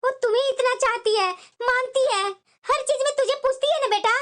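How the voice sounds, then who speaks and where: A woman voicing an elderly mother who softly pleads with her son in a cartoon family drama. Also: extremely high pitch, brisk. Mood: pleading. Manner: soft, pleading. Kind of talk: cartoon voice acting.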